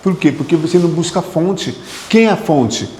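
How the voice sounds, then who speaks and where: An animated man with a fairly high, darkish voice speaks at a moderate pace over slight background noise. A psychotherapist, he's delivering an emphatic motivational talk in a hall with an audience, repeating phrases and questioning the room amid long, echoing reverb.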